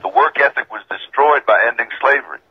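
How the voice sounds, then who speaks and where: A man from Georgia calling in to a radio show, insistent and calmly argumentative, his voice tinny and metallic over a bad phone line. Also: mid-range voice, brisk, breathy edge. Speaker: caller. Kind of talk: call-in radio caller.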